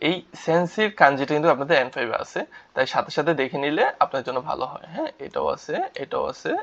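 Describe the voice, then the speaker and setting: Male language teacher, slightly high voice, patient drilling, repeats each word, dull lo-fi recording. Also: fast, gravelly, a bit bright. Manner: repeats words, asks and answers his own questions. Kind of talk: vocabulary lesson with spelled-out syllables.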